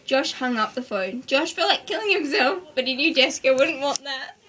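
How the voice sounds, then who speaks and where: In a noisy home recording, a young woman with a high, fairly bright voice reads a school story to friends at normal speed with lively intonation. She's casual and giggly, stopping to banter with her listeners.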